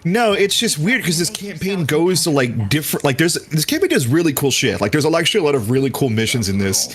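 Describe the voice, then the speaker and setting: A man's voice: on the high side, very animated, a little fast, a bit bright. A man co-hosting a casual game stream, joking and riffing with profane asides. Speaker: stream co-host. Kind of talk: casual gaming stream chat.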